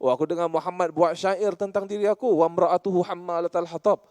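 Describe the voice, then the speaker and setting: A raging woman shouting threats, put on by a man telling the story. The voice is lifted higher than his usual and recorded dry and close. She is loud and shrill with anger. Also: fairly even intonation, a little fast, clear, resonant tone, no echo, lightly acted. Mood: mocking.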